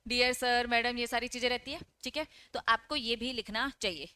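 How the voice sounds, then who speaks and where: A woman with a fairly high, clean, sharp voice speaks at a moderate pace with fairly even intonation, recorded dry. In an online exam-prep lecture, she reads English lines from the text, explains them, and keeps posing questions to her students before answering them herself, often checking in with "okay?".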